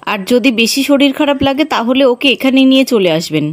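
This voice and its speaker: A woman's voice: sits high, lively intonation, brisk. A woman reading the lines of a caring, protective young mother in her own voice. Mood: tender. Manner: read out in the narrator's own voice.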